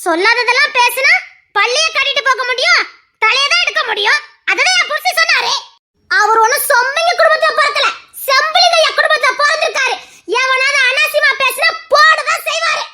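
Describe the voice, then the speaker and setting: A woman's voice: extremely high pitch, a little fast, bright, forceful tone, slight background noise, exaggerated voice. A woman voicing an indignant young wife who sharply scolds the men and defends her husband in an audio family drama.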